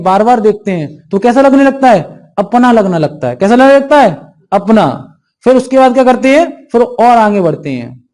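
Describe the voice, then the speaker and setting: A man's voice: very high voice, darkish tone. A male teacher lecturing an exam-prep class, asking questions and answering them himself.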